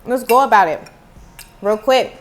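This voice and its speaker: A woman's voice: fairly high pitch, unhurried, a little hiss or hum. A woman chatting casually to viewers in a food review vlog, recorded at home on earbud headphones. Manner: chatty, talks to viewers as y'all. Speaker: food vlogger. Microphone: earbud headphone mic.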